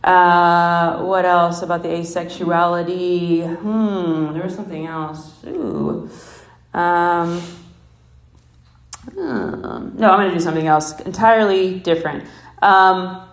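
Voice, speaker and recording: A woman's voice: on the low side, fairly even intonation, slow. A young woman doing a stand-up set, rambling and self-deprecating, often laughing at her own jokes. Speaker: stand-up comedian. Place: comedy club stage. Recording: very echoey room.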